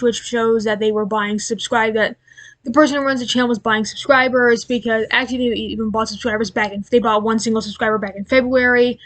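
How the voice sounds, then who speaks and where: A woman's voice: on the high side, no echo, poor audio. A woman ranting casually to her viewers as a YouTuber, rambling with many fillers and restarts. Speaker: YouTuber ranting about channels. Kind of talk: casual unscripted rant.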